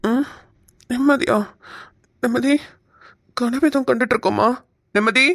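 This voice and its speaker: A woman's voice: on the high side, steady tone, a little slow, vocal fry, a bit bright, dry recording, studio quality, exaggerated voice. A woman voicing a jittery sleepy cartoon husband. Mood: drowsy. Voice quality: stammering when frightened. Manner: whiny, teasing banter. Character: sleepy scared young husband. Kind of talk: cartoon voice acting.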